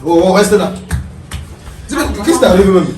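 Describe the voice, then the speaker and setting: A man's voice: sits high, distant mic, loud music behind the voice, close to an everyday voice. A man with a Cameroonian French accent playing an evasive young man who keeps making excuses to avoid paying. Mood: placating. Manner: fast, placating, makes excuses. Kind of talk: comedy sketch acting. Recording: roomy, off-mic.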